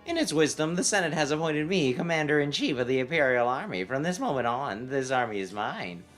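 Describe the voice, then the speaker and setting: A woman's voice: deep voice, expressive, a little fast, faint music behind. A woman voicing a haughty, menacing male senator with pompous, drawling condescension in a game script. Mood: smug.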